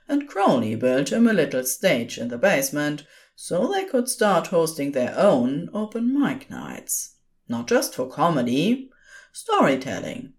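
A woman with a voice that sits low narrates scripted audio fiction as a storyteller. Her delivery is expressive and measured.

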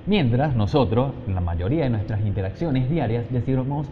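A man speaks at a mid pitch, lecturing parents directly and pressing his points with frequent check-ins. The recording is dull and lo-fi, with a steady noise running underneath. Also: moderate pace. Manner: emphatic, repeats checking tag questions. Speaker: parenting advice vlogger. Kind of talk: direct-address advice talk.

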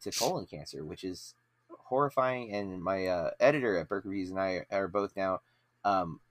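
Speaking at an ordinary speed with no room sound, a late-thirties man hosts a film podcast in a low-pitched voice. His talk is loose and meandering, full of fillers and false starts.

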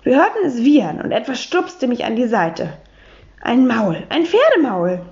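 A woman reading a children's storybook aloud, telling it lively in the first person as a boy. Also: a little high, normal speed. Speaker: audiobook reader. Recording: dull lo-fi recording.

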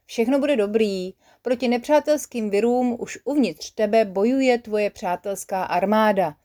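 A woman's voice: medium pitch, dark tone, natural voice. Woman as a kind, firm storybook nurse creature. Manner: soothing yet firm, instructive.

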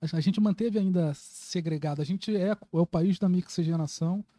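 A man's voice: high voice, moderate pace, warm tone, dry recording. A man with a Carioca Brazilian accent, speaking informally and with strong opinions in a casual podcast conversation, with some swearing. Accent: Carioca (Rio de Janeiro) Brazilian. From Rio de Janeiro, Brazil.

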